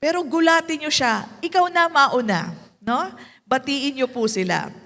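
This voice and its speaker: A woman pastor with a Filipino accent preaching, mixing English and Tagalog with playful asides and slow, drawn-out emphasis. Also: high voice, expressive, creaky, sharp tone. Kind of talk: sermon. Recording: echoey hall.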